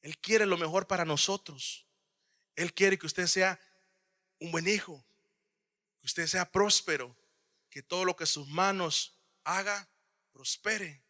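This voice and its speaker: A man preaching a sermon to his congregation, often calling them brother and swinging between loud cries and hushed asides. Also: sits high, takes it slowly, pauses often, in a large hall. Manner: addresses listeners as "hermano", swings from loud to hushed.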